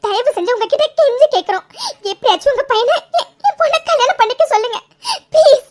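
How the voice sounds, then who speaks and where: A woman's voice: very high voice, lively intonation, fast. A woman voicing a tearful mother who pleads and stammers as she begs another family to accept her daughter's marriage. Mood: pleading.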